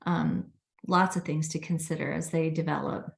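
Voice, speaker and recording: A woman guest talking casually in an interview, chatty and animated when retelling conversations. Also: low-pitched, moderate pace, creaky. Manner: chatty, acts out quoted dialogue with laughs. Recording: roomy echo.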